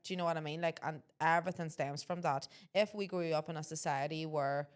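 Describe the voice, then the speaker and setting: Co-host: low-pitched woman in her twenties, opinionated and emphatic. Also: steady tone, fairly quick. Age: 20s. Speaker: podcast co-host. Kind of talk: casual chat.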